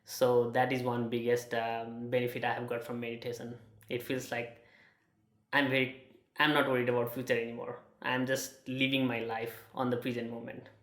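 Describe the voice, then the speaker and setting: A young man from Nepal with a Nepali accent, sharing a personal testimonial in a halting way, with many fillers and restarts. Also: medium pitch, completely flat delivery, fairly bright tone, reverberant. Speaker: student sharing his experience.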